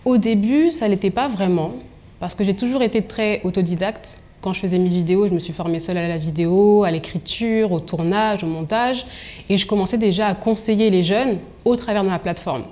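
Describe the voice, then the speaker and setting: In an interview, a professional coach from Angola and Congo, a young adult woman, recounts her personal story with articulate expressiveness. Her pitch sits in the middle range and she talks a little fast.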